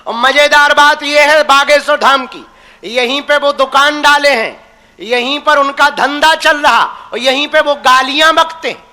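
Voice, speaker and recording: Calling his congregation his crazy ones, a young man preaches a teasing, folksy devotional sermon in a very high, pushed, bright voice. He speaks a little slowly, and the sound carries a long hall reverb.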